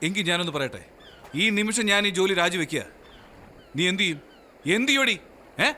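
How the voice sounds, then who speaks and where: A man's voice: high-pitched, expressive, a little fast, background noise. An actor voicing a tough, blunt young hero in a dubbed film, making threats and defying her. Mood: defiant.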